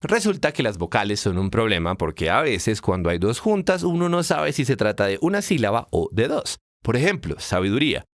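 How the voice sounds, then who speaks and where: A man's voice: on the low side, sing-song, brisk, few pauses, no echo, studio quality. A man narrating a scripted lesson on Spanish accent marks, telling it as a playful story with acted dialogue.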